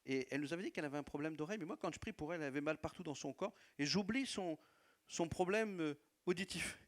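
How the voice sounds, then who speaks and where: A man's voice: a little high, fast talker. A man with a non-native French accent preaching as a pastor, telling stories of his church with laughs and repeated phrases. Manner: warm storytelling with laughs and repetitions. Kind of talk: sermon testimony. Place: church hall.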